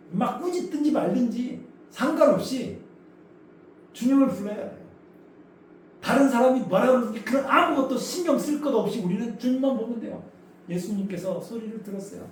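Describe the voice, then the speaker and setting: A male pastor preaching a sermon, telling the story vividly, acting out voices and asking the congregation questions. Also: very high-pitched. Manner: animated storytelling, acts out voices. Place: church sanctuary. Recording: echoey church hall from far off, faint noise.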